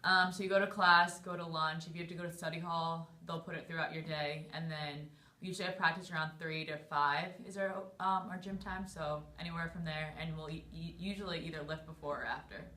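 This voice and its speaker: A woman's voice: low-pitched, steady tone, a little fast, bright, forceful tone. A young adult woman giving casual interview answers as a student athlete. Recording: echoey room.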